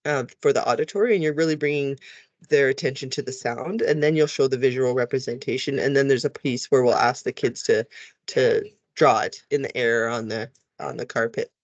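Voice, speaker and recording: Man, teacher trainer, relaxed explanatory tutorial, models letter sounds, dry close audio. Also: medium pitch, fairly quick, no echo, dull audio. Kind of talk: recorded tutorial walkthrough.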